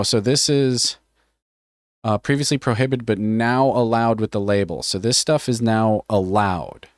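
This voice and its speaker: A lowish-voiced man, live-streaming, reads a policy aloud and jokes casually with chat, cursing often. There's no room sound, and the audio is clean studio quality. He sounds offhand and playful, swearing freely as he goes.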